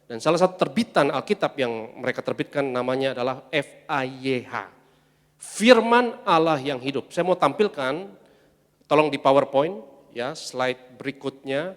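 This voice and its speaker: A man's voice: medium pitch, expressive, normal speed. Emphatic male pastor preaching in a hall. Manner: emphatic preaching with call-and-response to the congregation. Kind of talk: sermon. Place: large church hall.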